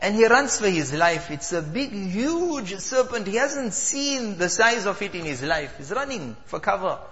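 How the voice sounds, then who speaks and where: A man's voice: high-pitched, sing-song, measured pace, fairly bright tone. A male preacher giving a sermon, telling stories in a dramatic, emphatic way. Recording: echoey hall, dull sound.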